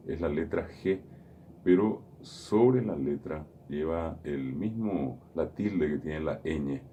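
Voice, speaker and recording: In a radio studio, a man hosting a show teaches Guaraní, patiently explaining pronunciation and repeating his examples. His voice is rumbling low and warm, with slight background noise.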